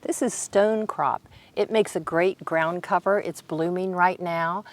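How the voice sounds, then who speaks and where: Low-voiced woman. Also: steady tone, measured pace. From Kentucky, United States. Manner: plain, instructive, pointing things out. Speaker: gardener giving a garden tour. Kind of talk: casual narrated garden walk-through. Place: outdoors in a home garden. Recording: outdoor ambient noise behind voice. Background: faint outdoor ambience.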